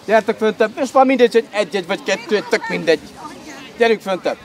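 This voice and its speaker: A man coaching from the sideline of an outdoor football pitch, shouting short urgent commands to his players. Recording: loud crowd and open-air noise.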